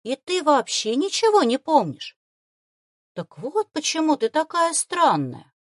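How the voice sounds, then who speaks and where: Woman voicing Marik, a squealing excited boy. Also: high-pitched, a little slow, no room sound, studio quality, pitched above the performer's own voice, full character voice. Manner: breathless, squealing with delight. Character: excitable, awestruck young boy, eager and loyal.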